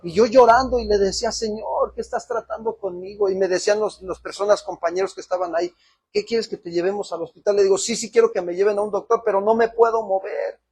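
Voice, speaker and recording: Husky-voiced Mexican pastor preaching. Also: male voice, high voice, fast, a little mellow. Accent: Mexican Spanish. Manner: storytelling preacher, rising to emotional peaks. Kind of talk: sermon.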